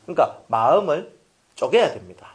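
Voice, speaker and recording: Man preaching, fairly high voice, animated delivery, rhetorical questions. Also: normal speed. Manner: conversational preaching with frequent rhetorical questions to the congregation. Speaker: pastor. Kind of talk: expository sermon.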